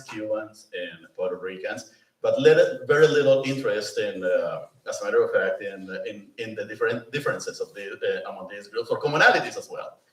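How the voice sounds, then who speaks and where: A man giving a conversational lecture as a presenter at a pastoral institute, often asking the room "no?" and "you know?". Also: medium pitch. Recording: roomy, mic at a distance.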